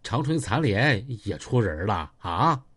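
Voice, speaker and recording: A boastful, coarse gang boss, put on by a male storyteller. He taunts and threatens, and his pitch leaps up and down with every line. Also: sing-song, measured pace, fairly bright tone, breathy edge, full character voice. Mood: mocking.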